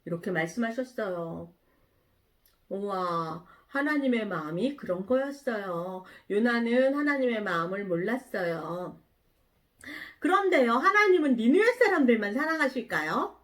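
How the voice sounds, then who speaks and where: A woman pastor telling a Bible story in a children's sermon, animated and asking the children questions. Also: on the high side, measured pace.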